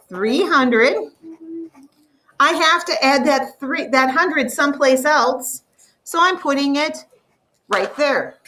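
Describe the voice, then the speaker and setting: A woman teaching a math lesson to a classroom, explaining step by step and slowly drawing out the numbers. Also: sits high, pushed and bright, recorded from a distance, a little hiss or hum, poor audio.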